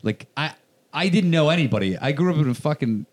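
A man's voice: a little high, animated, fast talker. A man from Indiana, a stand-up comic, rambling through a casual podcast chat with lots of fillers and swearing. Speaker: comedian podcast guest.

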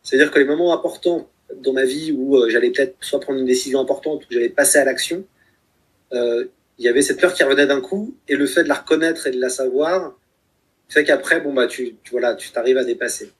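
Husky-voiced man in his thirties. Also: medium pitch, fairly quick. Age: 30s. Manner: hesitant, many fillers and restarts. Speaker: guest, author of a book project. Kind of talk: reflective conversational talk.

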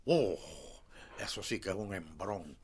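A man's voice: low-pitched, lively intonation, unhurried, breathy edge. A man with a Puerto Rican accent hosting a comedic talk show, joking and exclaiming in casual chat. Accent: Puerto Rican Spanish.

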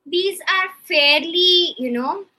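Woman guest, crisp bright tone, assertive and analytical. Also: very high-pitched, slow pace, slight background noise, rough recording. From India. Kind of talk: casual live-stream chat.

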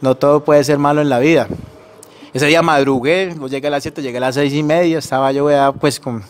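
A man's voice: on the high side, steady tone, a little fast. A man with a Colombian accent telling a personal story in casual speech, acting out the dialogue and calling the listener brother, his voice slightly shaky with emotion. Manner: conversational, acts out quoted dialogue, says brother often.

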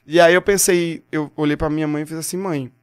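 A man's voice: fairly high pitch, flat delivery, fast, clean tone. A young man with a Pernambuco accent, a guest singer chatting casually, rambling with many fillers and restarts. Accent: Pernambuco Portuguese. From Pernambuco, Brazil. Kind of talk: casual podcast chat.

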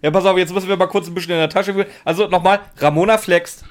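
A man's voice: sits high, flat delivery, very fast. A man co-hosting a podcast quiz, teasing and joking with his friends in casual banter. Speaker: podcast co-host.

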